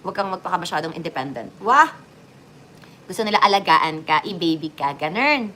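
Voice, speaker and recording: A woman vlogger chats casually and briskly with her viewers, cracking jokes and making lively swings in pitch and loudness. There's slight background noise in the recording.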